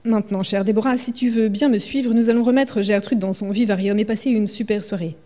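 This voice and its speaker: A man's voice: high voice, fairly even intonation, a little fast, mellow, lightly acted. A woman reading aloud, voicing an insistent, patient young man who teases a frightened friend. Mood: patiently teasing.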